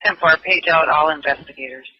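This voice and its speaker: A man working as a police dispatcher over a walkie-talkie, briskly reading back each call. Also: on the high side, slightly rough, dry recording. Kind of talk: terse police radio calls. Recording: archival lo-fi police radio.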